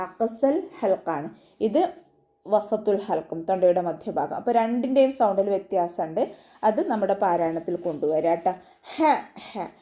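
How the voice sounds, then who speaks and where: A woman's warm, mid-range voice guides students through Quran recitation in an online lesson. Patient and methodical, she breaks pronunciation down step by step and keeps checking in with tag questions.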